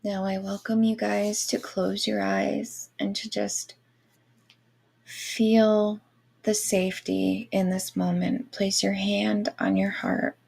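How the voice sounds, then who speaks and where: A woman guiding a meditation as a Reiki healer, with a creaky voice and an airy, breathy, soothing delivery. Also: medium pitch, slow, a little mellow. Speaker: online manifestation coach and Reiki guide. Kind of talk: guided meditation.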